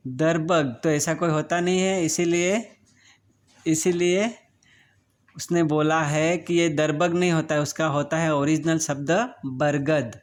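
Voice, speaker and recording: A man's voice: a little high, little pitch movement. A man teaching a grammar lesson, explaining each word step by step and often checking whether students understand. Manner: slow, drawn-out, checks understanding with repeated questions. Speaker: school teacher.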